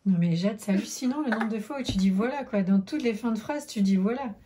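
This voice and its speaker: A woman's voice: on the high side, brisk, warm tone, slight background noise. A woman, the mother on a family vlog, chatting casually, teasing and using many fillers. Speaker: mother of the vlogger, co-host. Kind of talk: casual home video chat.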